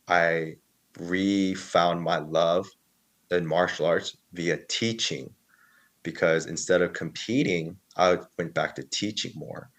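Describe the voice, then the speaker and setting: A man in his early thirties, a podcast guest telling his story in a casual, rambling way, full of fillers and quoted dialogue. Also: sits low. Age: 30s.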